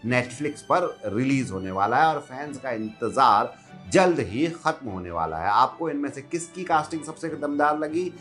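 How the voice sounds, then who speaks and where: A man's voice: medium pitch, lively intonation, measured pace, fairly bright tone, faint music behind. A man reading a scripted entertainment news roundup in an upbeat, gossipy way.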